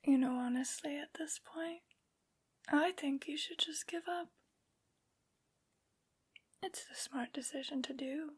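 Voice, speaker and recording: A woman voicing a haughty, vengeful aristocratic vampire lady in an ASMR roleplay, in a breathy whisper with taunting, mockingly sweet phrasing. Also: sits high, slow, pauses often. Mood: menacing, taunting.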